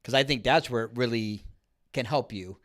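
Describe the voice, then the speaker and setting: A man's voice: mid-range voice, moderate pace, fairly bright tone. A man co-hosting a podcast, telling a story in casual chat, rambling with many fillers and restarts. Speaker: podcast co-host.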